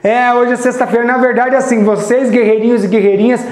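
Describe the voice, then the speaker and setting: A Brazilian man teaching English on a live stream, chatty and encouraging, slowly repeating example phrases. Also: extremely high pitch, level tone, darkish tone, reverberant. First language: Portuguese. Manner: sings snippets of songs to teach. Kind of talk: live online English lesson.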